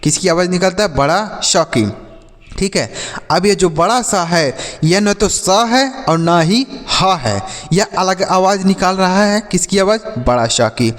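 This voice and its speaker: A man teaching an English phonics lesson to children. He asks questions and answers them himself, and slows down to spell out letters. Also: high voice, animated, a bit bright, long reverb tail.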